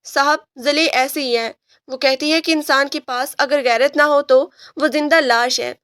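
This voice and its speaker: A woman's voice: high-pitched, steady tone, fairly bright tone, no room sound, studio quality. A woman voicing a frightened young man who pleads for his sister. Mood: pleading. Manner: pleading, fearful.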